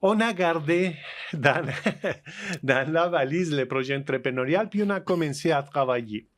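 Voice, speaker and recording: A man's voice: a little high, normal speed, a bit bright. A man from Mexico with a Spanish accent, speaking French as a guest in a casual interview, with many fillers and restarts.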